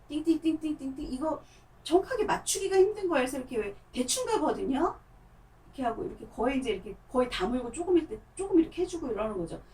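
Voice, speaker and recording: A woman with a high voice, recorded from a distance on poor audio, performs in a hand-puppet theatre. She chats in a lively way as she explains and demonstrates puppet technique, using lots of demonstrative words.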